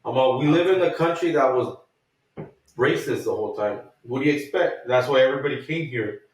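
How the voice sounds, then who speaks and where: A man's voice: medium pitch, brisk, recorded from a distance. Thirties man from the US, casual profane storyteller, roomy off-mic sound. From United States. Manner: profane, rambling, animated retelling with acted quotes. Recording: echoey room, off-mic.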